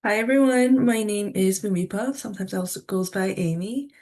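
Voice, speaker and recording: A woman's voice: medium pitch, normal speed, a little mellow. A woman in her twenties from Thailand, a graduate student answering panel questions casually with many fillers. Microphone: video call.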